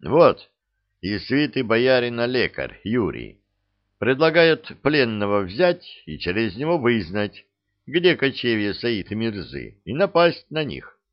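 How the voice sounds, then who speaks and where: A man reading the part of a stern, commanding Cossack chieftain in a gruff, measured way. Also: mid-range voice, very animated, highs cut off.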